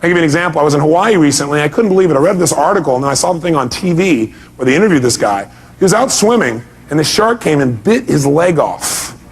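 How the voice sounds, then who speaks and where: Speaking as a motivational seminar presenter, a man with a somewhat high voice talks fast and expressively. He addresses the audience directly and emphatically, pushing each point home with rhetorical questions.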